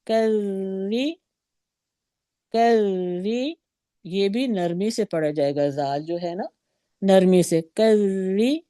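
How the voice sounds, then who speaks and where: A woman's voice: on the low side, mellow, no room sound, clean studio sound. A woman teaching a Quran recitation lesson, patiently drawing out syllables and words for students to repeat. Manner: patient, drawn-out demonstrations of syllables. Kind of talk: slow Tajweed lesson, modelling sounds for repetition.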